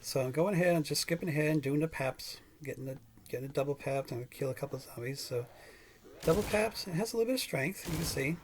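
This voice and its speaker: A man's voice: a little high, fast talker, a little hiss or hum. A man hosting a gaming channel, giving casual, rambling gameplay commentary full of fillers and restarts.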